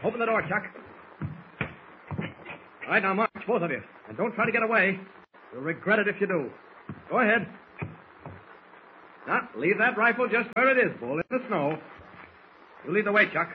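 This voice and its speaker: An actor playing an unflinching government agent hero in an old radio serial, speaking with firm, clipped defiance. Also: male voice, high voice, big pitch swings, moderate pace, pauses often. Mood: commanding. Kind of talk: 1940s radio serial acting. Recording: muffled, hissy old radio recording.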